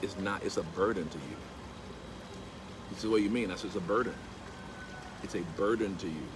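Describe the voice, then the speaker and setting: A middle-aged man, low-pitched and talking a little fast, narrates a casual vlog into his phone camera at arm's length by a pool at a house. When he quotes scripture he becomes animated and climbs into emphatic preaching. There is steady background noise from the outdoor setting.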